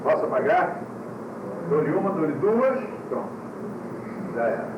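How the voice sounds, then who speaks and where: A man's voice: fairly high pitch, sing-song, a little slow, dull audio. A man, a teacher giving a classroom lecture to school directors on an old VHS tape recording, teasing the class with rhetorical questions. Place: lecture room with an audience. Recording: noisy old VHS tape, echoey room, speaker far from the mic.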